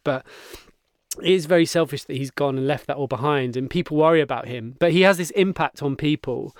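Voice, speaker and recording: A man co-hosting a podcast, chatting casually about a film, self-mocking and quick to laugh. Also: a little high, clean tone, dry recording, clean studio sound. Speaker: podcast co-host. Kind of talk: casual film review chat.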